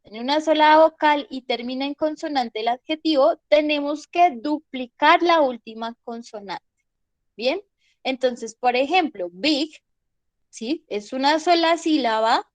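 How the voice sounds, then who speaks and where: High-pitched lady teacher going slow through grammar, keeps asking "right?", dry close sound. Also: no echo. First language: Spanish. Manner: patient, checks understanding with frequent "¿sí?" and "¿bien?". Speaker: English teacher. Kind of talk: online class explanation.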